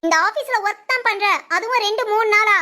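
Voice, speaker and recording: A woman acting several parts in a village web drama, lively and scolding, with a high bright voice. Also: brisk.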